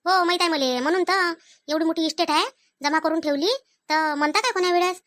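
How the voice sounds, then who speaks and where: Fast, very high, bright Vidarbha Marathi woman for a comic family quarrel, argumentative banter. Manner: quick, argumentative village banter. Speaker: comedy sketch performer. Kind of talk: scripted family comedy sketch.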